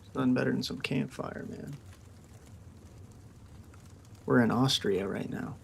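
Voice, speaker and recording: A man's voice: medium pitch, brisk, vocal fry, a little hiss or hum. A man streaming live from home, giving casual, hyped-up commentary on his trades. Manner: hyped, cheering the market on.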